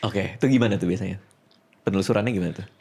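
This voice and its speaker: A man's voice: sits low, rapid-fire, darkish tone. A man hosting a casual podcast interview, asking curious questions and prompting with short replies. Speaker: podcast host.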